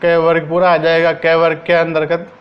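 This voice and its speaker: High-voiced man teaching Hindi grammar. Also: monotone, muffled recording. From Rajasthan, India. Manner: repeats each point as a question and answers it himself; drawn-out syllables while reciting sounds. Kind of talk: exam-prep Hindi grammar lesson.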